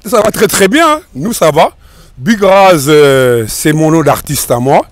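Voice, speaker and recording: A man in his thirties from France, his voice a touch high, answering an interviewer in a loose, rambling way outdoors. He speaks into a handheld mic, with restarts and easy pacing. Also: lively intonation, a little slow, dry recording. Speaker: rapper guest. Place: outdoors by a river in a park. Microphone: host's handheld mic.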